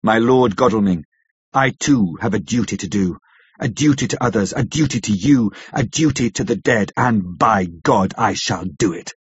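A man voicing a grave, elderly foreign professor in an audiobook, stern yet compassionate, speaking in solemn, halting, formal phrases. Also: mid-range voice, lively intonation, breathy edge, dry recording, muffled recording. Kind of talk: dramatic audiobook character reading.

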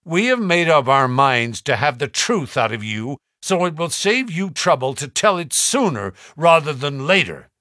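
A man's voice: mid-range voice, takes it slowly, hardly any pauses, pushed and bright, dry recording, studio quality. A man voicing a stern, commanding baronet. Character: stern, direct aristocratic gentleman.

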